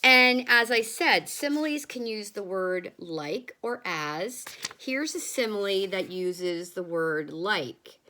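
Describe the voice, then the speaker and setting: Woman, teacher, read-aloud lesson for kids, gentle, explanatory, unhurried. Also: medium pitch, animated. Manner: gentle, explanatory, slow with pauses.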